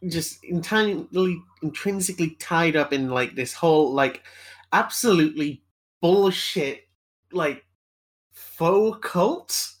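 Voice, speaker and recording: A woman co-hosting a casual comedic podcast chat, halting and full of fillers. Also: low voice, lively intonation. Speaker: podcast co-host.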